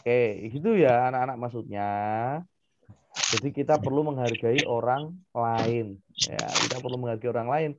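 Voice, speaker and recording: A man, a primary school teacher giving an online class to children, animated and acting out parents and kids. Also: mid-range voice, moderate pace, muffled recording, a little hiss or hum.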